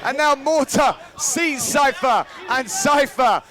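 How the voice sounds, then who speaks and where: A man working as a wrestling commentator, giving emphatic, excited play-by-play and often shouting the moves. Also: very high-pitched, takes it slowly.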